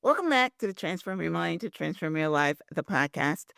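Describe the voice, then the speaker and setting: A woman's voice: fairly low pitch, animated, moderate pace, creaky, a bit bright, dry recording, studio quality. A woman from Guyana hosting a podcast interview, chatty and affirming, with many "very nice" replies. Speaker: podcast host. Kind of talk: podcast interview with reading of a synopsis.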